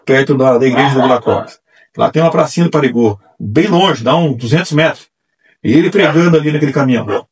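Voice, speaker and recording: Fast-talking husky male evangelist. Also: medium pitch. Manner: animated, acts out quoted voices. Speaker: church evangelist, guest. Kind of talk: testimony storytelling. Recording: distant mic.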